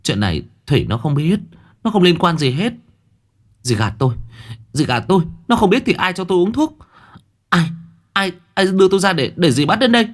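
A furious captive young woman hurls shrill accusations, as a man voices her. She pitches high and loud above the narrator's usual register in this audio ghost story. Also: very animated, normal speed, pauses often. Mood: accusing.

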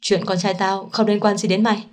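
A woman voicing an angry, frantic mother who scolds in a shrill voice in a storybook reading. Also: level tone, fairly quick, natural voice. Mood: furious.

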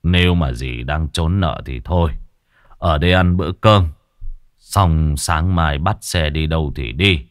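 A man playing a stern, gruff widower who speaks heavily and wearily. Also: low-pitched, very animated, moderate pace, pauses often, no echo, clean studio sound. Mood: resigned. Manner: gruff, heavy, weary sighing.

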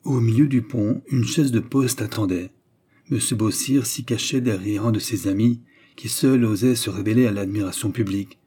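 Low, husky male audiobook narrator. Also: normal speed, warm tone. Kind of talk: audiobook narration of a classic novel.

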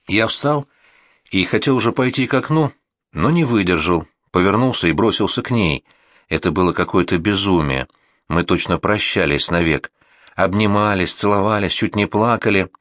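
Deep-voiced expressive male narrator. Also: no room sound, studio quality. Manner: expressive, heartfelt first-person telling. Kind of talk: audiobook narration.

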